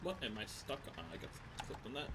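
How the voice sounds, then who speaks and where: A man's voice: medium pitch, a little fast. Young guy gaming and venting, lots of "like", voice jumps all over, noisy mic. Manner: animated, frustrated outbursts, many "like" fillers. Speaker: gaming video host. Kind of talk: casual chat while gaming.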